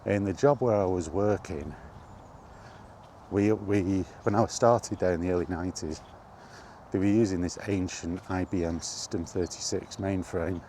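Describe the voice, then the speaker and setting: This personal gaming vlog features a middle-aged man reminiscing informally about retro games in a casual ramble. His low voice is warm and steady at a normal speed, with slight background noise.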